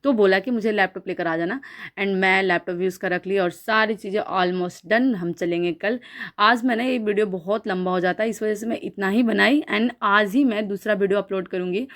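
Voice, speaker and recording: A woman's voice: mid-range voice, normal speed, fairly bright tone. Chatty young woman narrating her vlog. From Bihar, India. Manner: chatty, rambling, with many fillers and restarts. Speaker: vlogger. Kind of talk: casual voice-over vlog narration.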